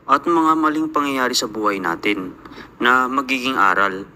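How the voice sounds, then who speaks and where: A man's voice: medium pitch, moderate pace, background noise. A young Filipino man, an overseas worker, telling his life story in a reflective, earnest voice-over. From Philippines.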